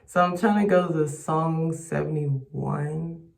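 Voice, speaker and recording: A woman's voice: deep voice, fairly even intonation, takes it slowly, creaky, a little mellow, reverberant, slight background noise. A sleepy woman who has just woken up, reading scripture aloud and reflecting on it in a casual devotional way, mumbling and stumbling over words. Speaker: Bible reader.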